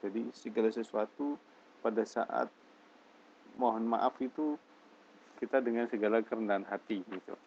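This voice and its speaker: A man teaching an English lesson, slowly reading English example phrases and explaining them in Indonesian. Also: fairly low pitch, fairly even intonation, vocal fry, darkish tone, slight background noise. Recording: dull lo-fi lesson recording.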